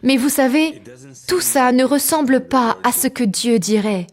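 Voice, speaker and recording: A woman giving a calm, measured personal testimony as a translated voice-over. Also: high voice. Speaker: testimony narrator.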